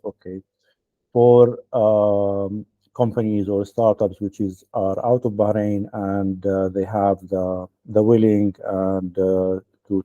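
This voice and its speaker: A man from Lebanon speaks over a video call in a flat, very dark, low voice. He welcomes the group haltingly, with many fillers, and he often ends his points with "okay?". The call audio is dull and lo-fi. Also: no room sound. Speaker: accelerator program founder. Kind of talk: online welcome speech.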